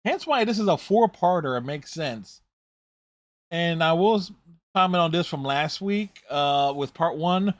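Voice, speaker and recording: A man's voice: a little high, animated, measured pace, no echo. A man hosting a reaction video, giving casual, rambling, conversational running commentary on a TV show.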